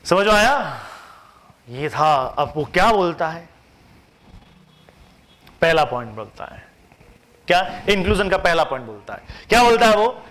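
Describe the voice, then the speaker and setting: A male tax teacher lectures in a lively, chatty way and slips English terms into Hindi. His voice is high and bright. He keeps checking that the class understands. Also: a little slow, long pauses. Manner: lively, asks rhetorical questions and answers them.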